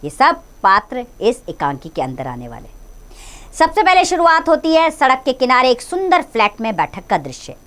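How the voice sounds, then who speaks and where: A woman's voice: sits high, wildly swooping pitch, normal speed, a bit bright. A woman teacher reading a textbook play aloud and explaining it to children. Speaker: school teacher.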